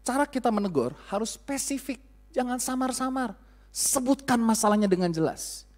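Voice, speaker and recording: A man's voice: very high-pitched, animated, moderate pace. A pastor in his thirties preaches in an easygoing, chatty way. He jokes with the congregation and acts out the scoldings he quotes. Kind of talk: sermon.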